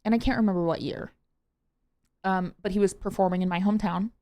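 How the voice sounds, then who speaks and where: A woman co-hosting a podcast, telling stories in a rambling, excitable way and jumping between tangents. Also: mid-range voice, fairly quick. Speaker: podcast co-host. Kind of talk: casual chat.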